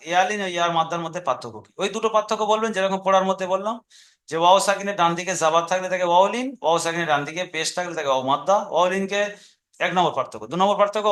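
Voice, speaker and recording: A man with an Indian Bengali accent leads a recorded reading lesson at a brisk clip, his voice pitched slightly high. He explains rules patiently and often repeats them, slowing down to spell out sounds one by one. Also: fairly bright tone. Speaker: Quran reading teacher.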